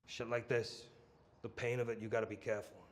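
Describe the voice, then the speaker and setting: Actor as streetwise, scheming New gangster. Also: male voice, medium pitch, flat delivery, brisk, close to an everyday voice. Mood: wistful, confiding. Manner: streetwise, colloquial, persuasive. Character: scheming, ambitious middle-aged male gangster, streetwise and sentimental. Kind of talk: screen crime drama acting. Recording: faint background ambience.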